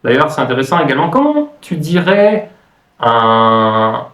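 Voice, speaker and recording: A man's voice: medium pitch, big pitch swings, unhurried, a bit bright, recorded from a distance. A man hosting an informal language lesson, explaining hesitantly as he thinks aloud. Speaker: host, language teacher. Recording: echoey room.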